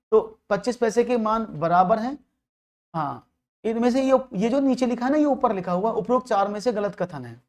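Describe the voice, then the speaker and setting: With a high voice and a darkish tone, a maths teacher runs an online lecture for exam prep. He tackles the problems in careful steps, throws in English phrases, and keeps checking in with his students.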